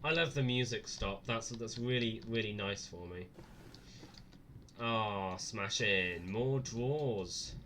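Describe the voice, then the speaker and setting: A man's voice: fairly low pitch, takes it slowly, sharp tone, slight background noise. A scared, nervous man giving live horror game commentary with dry sarcasm and frequent swearing.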